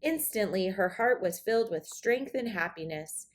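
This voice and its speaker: A woman reads a children's story aloud, bringing it to life with expressive, dramatic storytelling. Her voice sits in the mid range and she keeps a moderate pace.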